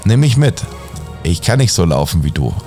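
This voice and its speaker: A pleading, insistent frog from a bedtime fairy tale, voiced by a man. The voice is deep and gravelly, coaxing and urgent. Soft music plays underneath. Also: normal speed, close to an everyday voice. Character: pleading male frog at the well.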